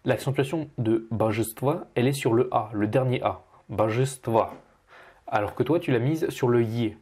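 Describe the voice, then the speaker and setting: A man teaching pronunciation as he corrects a student, patiently repeating each word slowly. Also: medium pitch, darkish tone, husky. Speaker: Russian language teacher.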